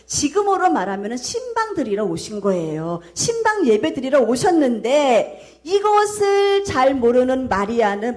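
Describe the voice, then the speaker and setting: A woman's voice: high voice, a little mellow. A middle-aged woman pastor preaching a sermon, telling a story and asking questions she then answers herself.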